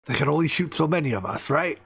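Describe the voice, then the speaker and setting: A man with a slightly husky voice chats through a tabletop game in a loose, easygoing way, often laughing. He sounds eager to jump straight into action. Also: on the high side, lively intonation, fast, a bit bright, no echo, studio quality. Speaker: player. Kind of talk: tabletop game play over voice chat.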